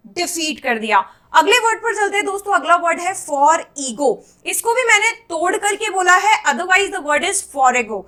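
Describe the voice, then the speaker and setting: Woman, very high bright voice, teacher drilling vocabulary with call-and-answer. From India. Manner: quizzing students with repeated questions and answers. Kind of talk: exam-prep English vocabulary lesson.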